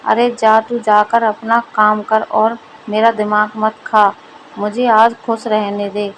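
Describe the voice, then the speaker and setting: A woman's voice: mid-range voice, little pitch movement, slow pace, slight background noise, close to an everyday voice, low-quality recording. A woman voicing a greedy, cunning male village farmer who boasts and pleads. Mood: boastful.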